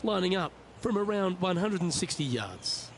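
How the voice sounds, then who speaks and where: High-voiced golf commentator. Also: male voice, expressive, normal speed. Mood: focused. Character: male golf broadcaster tracking players. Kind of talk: video game golf commentary. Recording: crowd and clear background noise.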